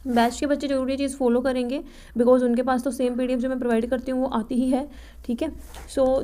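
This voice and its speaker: A young woman with a clear, smooth, slightly high voice walks through physics problems one step at a time. She reads the English question text slowly, word by word, and keeps checking in with the listener before moving on. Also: darkish tone. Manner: repeats checks like "ठीक है" and asks herself questions before answering. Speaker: physics tutor for nursing entrance exams. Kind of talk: explaining exam problems step by step.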